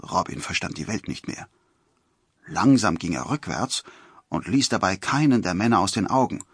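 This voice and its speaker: A man reads a storybook aloud with lively, expressive pitch. His voice has a husky texture. The recording is close and dry. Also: normal speed, dry recording. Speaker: narrator. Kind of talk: storybook narration.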